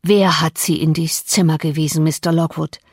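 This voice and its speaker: A woman's voice: deep voice, fairly even intonation, normal speed, a little mellow, no echo, studio quality, voice pushed down. A woman reader voicing a curt, menacing master of the house. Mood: harsh. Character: harsh, shaken master of the house, man.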